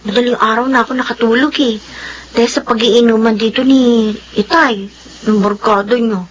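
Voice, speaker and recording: A woman voicing a weary young daughter in a radio play, fairly high-voiced and complaining. She sounds fed up. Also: fairly even intonation, normal speed, lo-fi sound, a little hiss or hum, lightly acted. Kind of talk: radio drama acting.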